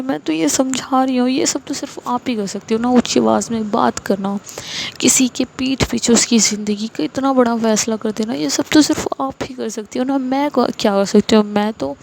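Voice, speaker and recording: A woman's voice: on the high side, vocal fry, a little mellow, slight background noise, poor audio. A woman voicing a hurt young woman, tearful and pleading with her mother against a forced engagement. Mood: bitter. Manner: pleading, wounded.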